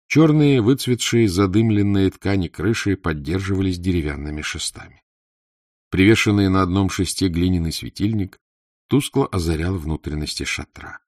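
A man reading a historical novel aloud in measured, descriptive storytelling narration. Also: sits low, darkish tone, dry recording, studio quality. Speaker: audiobook narrator. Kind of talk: scripted narration.

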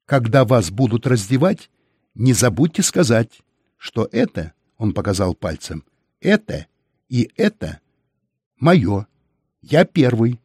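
A man voicing a boastful, greedy male captive who speaks in a firm, shrill voice in an audiobook. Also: very animated, slow, long pauses, darkish tone, slightly rough, dry recording, studio quality, exaggerated voice. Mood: lecturing.

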